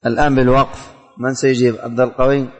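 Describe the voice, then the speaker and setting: A man's voice: medium pitch, flat delivery, quick pace, long reverb tail. A man teaching a religious studies class, calling on students by name, asking questions and repeating the answers.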